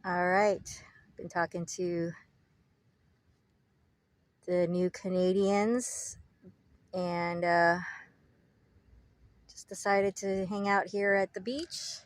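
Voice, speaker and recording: A woman narrating a casual travel vlog, thinking aloud in a soft-spoken way from her van and the beach. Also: mid-range voice, little pitch movement, takes it slowly, long pauses, no room sound. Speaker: vlogger.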